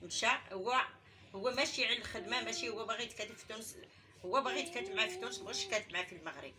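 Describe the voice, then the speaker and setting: A woman's voice: a little high, expressive, racing, crowd noise. A middle-aged woman with a Moroccan Arabic accent, making an urgent, pleading public appeal as an interviewee.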